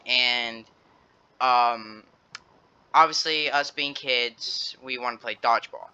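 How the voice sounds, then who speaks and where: A man's voice: medium pitch, slow pace, sharp tone, clear, resonant tone. A teenage boy hosting a casual podcast, telling a school story in a rambling way with many restarts. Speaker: podcast host. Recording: lo-fi dull audio.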